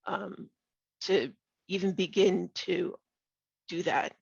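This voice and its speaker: A middle-aged woman who is losing her voice, speaking bluntly and candidly on a video call, often halting and restarting. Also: on the low side, creaky, husky, no echo, muffled recording. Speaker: webinar participant. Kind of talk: casual discussion on a video call.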